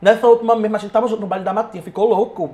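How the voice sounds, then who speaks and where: Man, high voice, rapid talk, animated storyteller, affectionate. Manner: animated storyteller, acts out his own quotes; affectionate, calls people "meu amor". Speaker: podcast guest, blogger. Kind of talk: casual chat.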